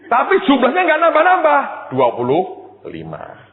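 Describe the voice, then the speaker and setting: A male pastor preaching a sermon, telling a personal story with lively quoted voices and addressing the congregation directly. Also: very high voice, moderate pace. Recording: tinny phone-like sound with long hall reverb.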